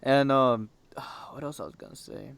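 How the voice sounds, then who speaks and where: A man's voice: medium pitch, animated, moderate pace, vocal fry, a bit bright, clear, resonant tone. A teenage boy hosting a casual podcast chat, rambling with many fillers and restarts. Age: teens. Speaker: podcast host.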